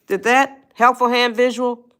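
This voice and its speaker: A woman's voice: fairly high pitch, steady tone, unhurried, fairly bright tone. A woman author giving a live-stream talk on parenting, emphatic and repetitive and often checking in with her viewers. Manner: speaks directly to viewers as a group.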